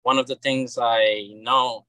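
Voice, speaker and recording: Speaking slowly in a mid-range voice, a Brazilian comic book creator in his thirties chats as a guest in a laid-back interview, his Brazilian Portuguese accent clear. The sound is dry, without room echo, and his tone is bright and forceful. He's hesitant, stopping to restart and repeating many words.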